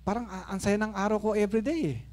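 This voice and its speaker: A pastor in his fifties telling stories in a sermon, animated, with laughing asides and swings from soft speech to shouting. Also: high voice, fast. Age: 50s. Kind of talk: Taglish sermon storytelling.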